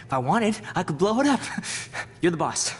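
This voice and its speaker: A man's voice: sits high, very animated, normal speed, slight background noise. An actor playing an unstable, entitled young man, agitated and menacing, in a dramatic video game scene. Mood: nervous self-soothing. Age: young adult. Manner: agitated, menacing, swinging from muttering to outbursts. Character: unstable, entitled young male school bully.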